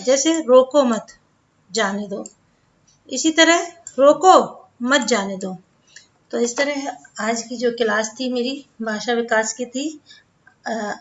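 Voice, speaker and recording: A woman tutor giving an online lesson, explaining slowly and repeating key terms. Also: high voice, lo-fi sound.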